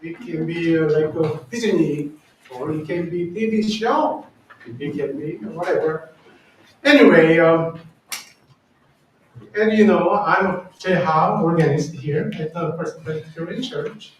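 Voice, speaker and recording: A Korean-accented man in his fifties speaks slowly in a fairly high voice, hesitant and self-deprecating as he talks to a congregation. The sound is a very echoey church hall heard from a distance, with a faint background hum. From South Korea. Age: 50s. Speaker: church organist. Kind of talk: casual talk to a congregation.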